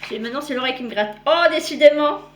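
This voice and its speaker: A cross-stitch vlogger with a voice that sits high talks quickly and casually in a show-and-tell video, meandering and correcting herself mid-sentence. She addresses viewers affectionately as "girls," and the room gives off a noticeable echo.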